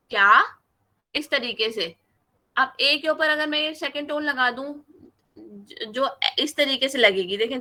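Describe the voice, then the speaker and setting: A woman's voice: sits high, sharp tone. A woman teaching an online Chinese class, patiently drawing out each sound as she demonstrates it. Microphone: video call.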